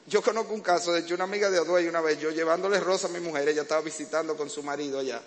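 Un predicador con acento dominicano que da un sermón sobre el matrimonio con humor e imita escenas de la vida en pareja. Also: male voice, a little high, steady tone, racing. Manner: humorous, acts out domestic scenes. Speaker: preacher. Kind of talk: sermon to couples. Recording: reverberant hall, faint background noise.

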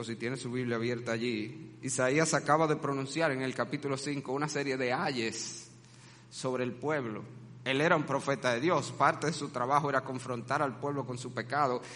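A man's voice: medium pitch, a little fast, a bit bright, in a large hall. A man preaching a sermon, who rises into dramatic cries whenever he quotes scripture. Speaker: pastor.

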